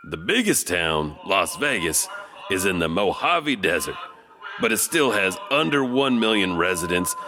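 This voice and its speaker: A man with a lowish, pushed, bright voice plays a mysterious janitor host in scripted horror narration. He drawls through spooky stories, letting out eerie chuckles.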